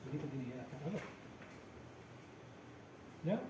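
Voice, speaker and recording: Male instructor, walks students through a practical demo step by step, slightly high voice, recorded in an echoey room. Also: animated, normal speed. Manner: explains step by step, often checks with "¿ya?". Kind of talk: hands-on practical class demonstration. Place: practice room with a treatment table. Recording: echoey room with loud background noise.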